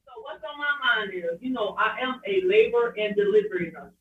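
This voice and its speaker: A middle-aged woman calls in over a speakerphone, her voice thin and squeezed as if down a phone line. She sounds set back from the mic in an echoing kitchen, talking casually as she cooks. Her pitch sits fairly high for the speaker. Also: sing-song, moderate pace, recorded from a distance. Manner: talks while cooking at home. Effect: muffled speakerphone over a video call. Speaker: caller, labor and delivery nurse. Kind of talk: casual call-in chat.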